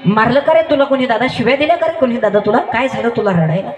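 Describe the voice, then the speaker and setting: A man's voice: very high-pitched, fast talker, lo-fi sound, pitched above the performer's own voice. A male preacher voicing a tiny five-year-old girl who pleads with her brother in a questioning, sing-song way. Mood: pleading. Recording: roomy echo with live music behind.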